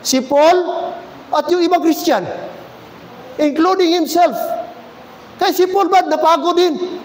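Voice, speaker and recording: High-voiced shouting preacher, echoey hall. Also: male voice, steady tone, slow, slight background noise. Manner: impassioned, often shouting, mixes English into Filipino, calls out to the congregation. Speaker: pastor. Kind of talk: fervent preaching sermon. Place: church service.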